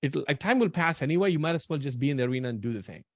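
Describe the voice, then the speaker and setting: Excitable man in his thirties, lo-fi dry audio. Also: on the high side, no room sound. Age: 30s. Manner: excitable, animated, talks in quick bursts. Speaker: podcast host. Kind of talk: casual chat on a video call.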